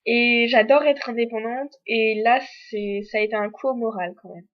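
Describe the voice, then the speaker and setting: A woman's voice: a little high, steady tone, normal speed, highs cut off. A woman from France talking candidly in a casual personal vlog, with hesitant fillers between thoughts. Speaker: vlogger.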